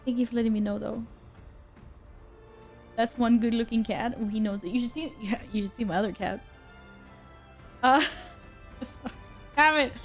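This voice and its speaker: A chatty young woman, talking with her viewers in a relaxed, casual way. Her voice sits a little high, with faint music playing under it. She reads messages aloud and laughs easily. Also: moderate pace, pauses often. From Sweden. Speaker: streamer. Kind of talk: casual chat with stream viewers. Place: apartment room at home.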